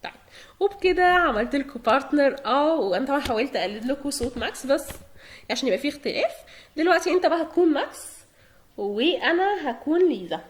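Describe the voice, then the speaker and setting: A woman's voice: sits high, animated, fast. A woman with an Egyptian Arabic accent teaching German online, explaining word by word, translating and repeating. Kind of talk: online language lesson.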